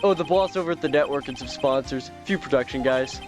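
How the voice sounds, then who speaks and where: A man voicing a laid-back male TV director with a slow, drawling slacker manner. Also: mid-range voice, over music, close to an everyday voice.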